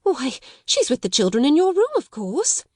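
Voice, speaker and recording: A woman's voice: high voice, huge pitch swings, moderate pace, no echo, studio quality, voice pushed up. A woman voicing a timid, easily flustered grown younger sister in a storybook, stammering and breathless. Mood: bewildered.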